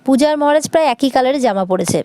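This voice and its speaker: A woman narrates an episode recap in brisk, scripted storytelling. Her delivery is very fast and a bit high. The recording is close and dry. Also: lively intonation, darkish tone, no room sound.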